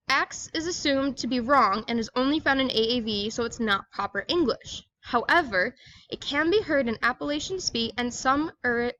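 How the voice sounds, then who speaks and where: A woman's voice: high voice, bright, forceful tone, highs cut off. A woman giving a scripted educational presentation, reading aloud in a plain, explanatory manner.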